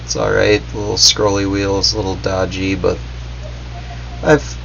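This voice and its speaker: A man with a low, level, slightly bright voice and some creak talks at normal speed. He's a product reviewer at a basement workbench, giving a casual, unscripted gadget review that wanders, hesitates and never quite commits. The audio is dull, with a faint hum behind it.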